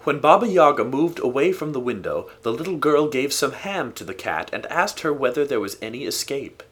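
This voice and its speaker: A man reads a folk tale aloud in a steady, expressive way. His voice is slightly husky, and his pitch moves a lot as he tells the story. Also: normal speed. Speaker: narrator. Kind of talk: storybook narration.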